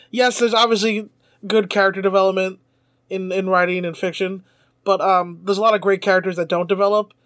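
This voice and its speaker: A man with a notably high voice talks in loose, casual podcast banter, laughing often and swearing freely. He is recorded close and dry, with no room sound around him. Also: fairly bright tone, no room sound. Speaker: podcast co-host.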